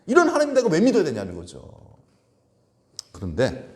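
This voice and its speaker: A man's voice: fairly high pitch, huge pitch swings, a little fast. A male pastor preaching a sermon, asking the congregation questions and acting out quoted complaints in a raised voice. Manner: asks the congregation frequent questions.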